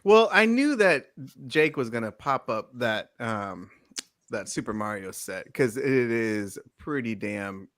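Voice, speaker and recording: A man chatting casually on a panel in an excitable, emphatic, slangy way. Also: medium pitch, slow, dry recording, studio quality. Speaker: award show panelist. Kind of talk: casual chat.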